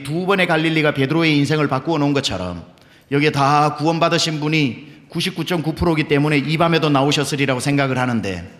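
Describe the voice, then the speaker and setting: A man's voice: a little high, a bit bright. A man preaching a fervent, storytelling sermon as pastor in a large church sanctuary. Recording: long reverb of a large church.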